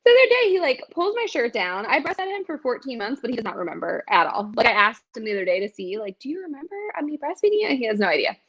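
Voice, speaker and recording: A young woman hosting a podcast, chatting in a bubbly, expressive way and laughing a lot. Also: a little high, quick pace, few pauses, husky. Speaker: podcast host. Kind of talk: casual chat. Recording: dull lo-fi sound.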